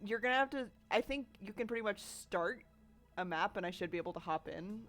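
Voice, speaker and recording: A woman streaming a game with a friend, her voice low and sick, chatting casually with lots of giggles and fillers. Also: expressive, brisk, fairly bright tone, soft background music. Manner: giggly, rambling with many fillers. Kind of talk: casual gaming chat.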